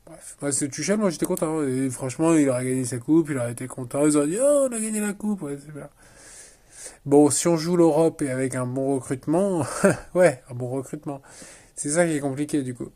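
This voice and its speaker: A man's voice: fairly high pitch, brisk, dark tone. A man giving casual football commentary in a rambling, sarcastic way, often breaking off his own sentences. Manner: rambling, sarcastic, self-interrupting. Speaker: football vlogger.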